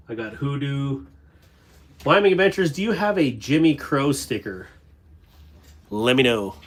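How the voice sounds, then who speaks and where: A man hosting a casual livestream rambles to his chat in a mid-range, fairly bright voice. Indoors at a cluttered workspace, he sorts items as he talks.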